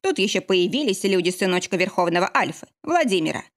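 A gruff young husband from a storybook, curt and teasing with a proud edge, as a woman narrator puts him on. The delivery is lively, with wide swings in pitch. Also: fairly quick. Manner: growling, curt.

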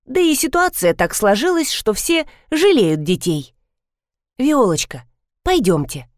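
Reading an audiobook, a woman voices a fussy, gushing elderly lady, the soft-hearted matriarch of her family, pitching the character above her own voice. The delivery is a little high, very animated, and a little slow, with a fussing mood, recorded dry with clean studio sound.

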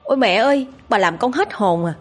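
A woman voicing a jumpy, grumbling young male apprentice exorcist who shouts when startled. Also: mid-range voice, expressive, moderate pace, husky, faint music behind. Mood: shouting. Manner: shouting, whiny.

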